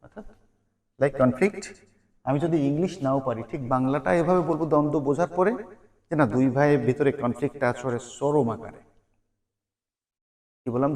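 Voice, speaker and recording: With a medium-pitched, somewhat dark tone, a male English teacher runs a vocabulary drill, repeating every word along with its meaning. He asks questions and supplies the answers.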